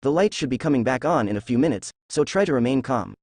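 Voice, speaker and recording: A man voicing a young male wannabe supervillain who speaks grandly, with dramatic pauses, in a fan fiction reading. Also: medium pitch, expressive, darkish tone, no room sound. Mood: grandiose.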